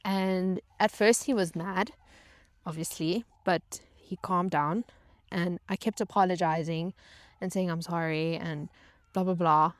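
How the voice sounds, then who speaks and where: This vlogger, who used to crew on yachts, recounts a comedic story from her own life in a lowish voice. Her intonation stays fairly even and her pace measured, with no room sound. She's casual yet dramatic, pokes fun at herself, and repeats lines to stress them.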